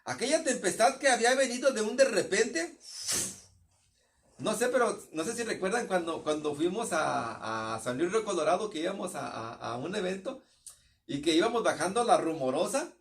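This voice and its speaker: Halting high-voiced Mexican preacher, mic far off. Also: male voice, animated. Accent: northern Mexican. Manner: halting, many repeated words and restarts. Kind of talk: sermon.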